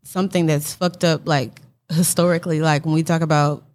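Lowish-voiced, frank St. Louis woman. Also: fairly even intonation, fairly quick, a little mellow. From St. Louis, United States. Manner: frank, slangy. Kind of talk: casual conversational opinion.

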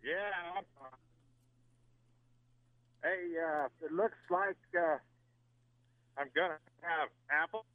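A man calling in to a radio show, talking haltingly over a phone line that keeps breaking up. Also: on the high side, no echo. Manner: halting, with fillers. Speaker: caller.

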